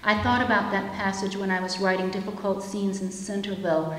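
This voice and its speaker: A woman in her fifties gives a keynote lecture, reading measured and reflective prose from pages at a lectern microphone in a chapel-like hall. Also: mid-range voice, level tone, a bit bright. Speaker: keynote speaker. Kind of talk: reading a prepared lecture aloud. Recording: echoey room with long hall reverb.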